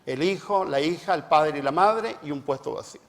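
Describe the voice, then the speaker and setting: A man's voice: fairly high pitch, normal speed, vocal fry. A middle-aged man preaching a reflective talk with personal anecdotes, emphatic and repeating phrases for stress, in a hall with a long reverb. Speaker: preacher and family therapist.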